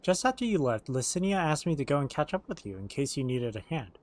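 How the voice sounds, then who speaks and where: A man's voice: medium pitch, sing-song, fairly quick. A man streaming a game, reading its written dialogue aloud and acting it out as he goes. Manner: acts out the written dialogue as they read.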